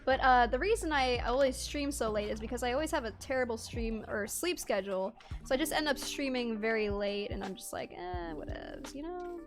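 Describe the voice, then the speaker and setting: A woman's voice: on the high side, wildly swooping pitch, a little fast, hardly any pauses, music in the background. A Canadian-born woman streaming a game, chatting casually and reading chat aloud, laughing often.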